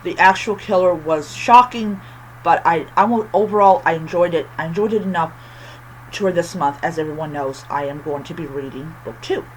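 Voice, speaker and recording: A book reviewer chatting casually with a lisp and whistling s from missing teeth, halting often and repeating phrases. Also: medium pitch, slight background noise, low-quality recording.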